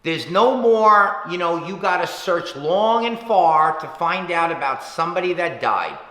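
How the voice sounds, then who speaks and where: A man's voice: on the high side, animated, a little slow, fairly bright tone. Earnest man on an echoey conference call. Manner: earnest, emphatic, lists points by number. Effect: heard over a conference call line. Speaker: town official leading a public teleconference. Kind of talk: public Q&A answers.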